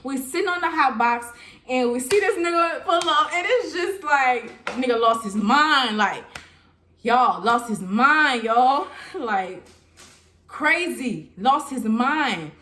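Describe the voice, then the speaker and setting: A young woman telling a casual storytime vlog, animated and laughing as she talks straight to her viewers. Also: high-pitched, slow. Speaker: vlogger.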